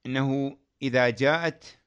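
Clear-voiced man teaching grammar. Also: medium pitch, fairly even intonation, lo-fi sound. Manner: asks the class questions, then answers them himself; draws out example words slowly and distinctly. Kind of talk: classroom grammar lesson.

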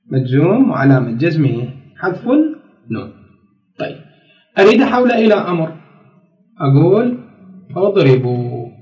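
Iraqi male grammar teacher, patient and methodical, reads rules slowly aloud, roomy distant recording. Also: high-pitched, a little mellow, muffled recording. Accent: Iraqi Arabic. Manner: explains step by step, checks if students follow; reads rules from a book slowly, then explains. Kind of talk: classroom grammar lesson.

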